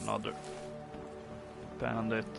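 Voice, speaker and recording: This let's play host speaks slowly in a creaky, monotone voice on the low side, with game music playing behind him. His commentary is casual, hesitant and full of thinking aloud.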